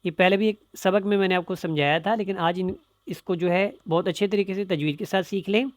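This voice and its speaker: A male Quran teacher explaining correct pronunciation in a brisk voice and then chanting the words slowly. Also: sits high, fairly even intonation, dry recording. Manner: brisk explaining voice, breaking into slow chanted recitation.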